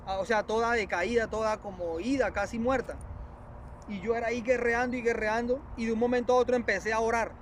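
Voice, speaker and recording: A preacher telling a religious testimony in a halting, repetitive way, often addressing his listeners as brothers. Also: very high voice, fairly even intonation, a little hiss or hum. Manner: earnest, repetitive, halting storytelling with many restarts.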